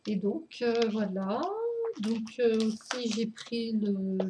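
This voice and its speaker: This woman speaks at a slow pace in a fairly high pitch as she presents her records in a relaxed vlog. She's excited and laughs a lot, but stumbles with many fillers and apologies, and she drifts toward and away from the camera microphone against a noisy background.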